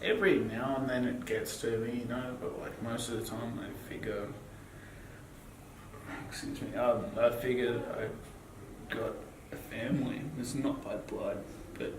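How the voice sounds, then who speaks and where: A man's voice: mid-range voice, fairly even intonation, unhurried. A young man in his twenties, a guest in a casual interview, rambling with lots of fillers and swearing. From Australia. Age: 20s. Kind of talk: casual chat. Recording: echoey, distant, noisy ambience.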